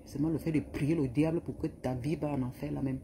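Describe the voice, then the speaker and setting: A woman's voice: sits low, steady tone, quick pace, background noise. A middle-aged woman with a Cameroonian French accent, scolding and insulting someone in a heated rant to camera. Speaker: vlogger.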